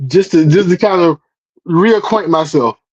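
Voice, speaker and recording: A man's voice: high voice, unhurried, muffled recording, a crowd in the background. A man in his forties, a guest in a casual chat, talking in an easygoing way with frequent chuckles. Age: 40s.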